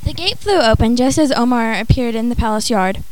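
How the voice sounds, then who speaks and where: A woman narrates a storybook tale in a high voice. There is faint noise behind her reading. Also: lively intonation, a little fast, low-quality recording.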